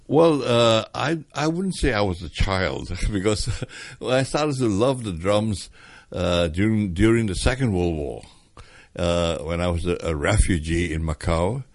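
A man's voice: low-pitched, a little slow, no echo, clean studio sound. An older man from Hong Kong, reminiscing hesitantly with many fillers in an interview. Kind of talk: oral history interview.

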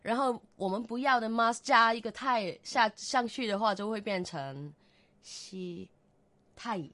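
A woman's voice: on the high side, measured pace, fairly bright tone. A woman guest tutor in a radio chat lesson, patiently explaining step by step.

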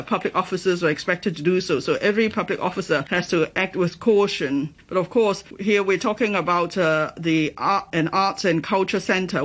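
High-voiced man as live interpreter. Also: a bit bright. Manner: measured, halting, with self-corrections. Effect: live interpreter voice relaying a speech. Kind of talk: simultaneous interpretation.

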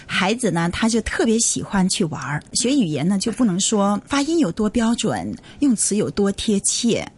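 Husky woman teacher explaining. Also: medium pitch, big pitch swings, moderate pace, few pauses, a little mellow. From Hong Kong. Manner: earnest, explanatory. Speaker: language teacher. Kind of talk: explaining in an interview.

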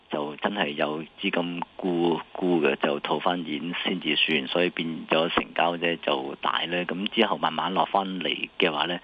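A man with a Hong Kong Cantonese accent giving unscripted market commentary as a guest, in halting short phrases, on dull lo-fi audio. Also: sits low, slightly rough.

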